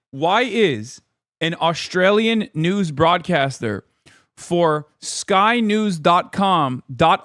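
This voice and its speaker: A sarcastic man riffs through casual stream commentary, mocking and swearing freely. His voice sits bright and fairly high for a man. The sound is dry and close, with no room around it. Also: dry recording.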